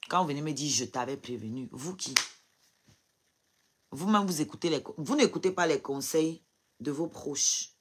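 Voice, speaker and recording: A woman's voice: sits low, normal speed, long pauses, a little hiss or hum. A woman crying as she talks on a live stream into her phone, firing defiant rhetorical questions at her viewers. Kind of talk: emotional live stream rant.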